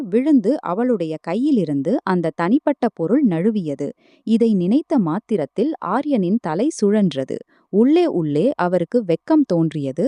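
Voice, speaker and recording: Expressive woman story narrator. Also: mid-range voice, dry recording. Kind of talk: scripted novel narration.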